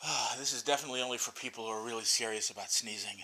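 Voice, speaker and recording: A man casually talking to the camera while his eyes water and his nose runs, in a slow, breathy way. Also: mid-range voice, pushed and bright. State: teary-eyed, runny nose. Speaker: vlogger. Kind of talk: casual self-recorded commentary.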